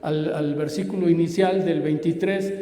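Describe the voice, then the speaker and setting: A man preaching a sermon as pastor, swinging between loud emphasis and hushed asides. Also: fairly high pitch, steady tone, moderate pace. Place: church hall. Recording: echoey church hall.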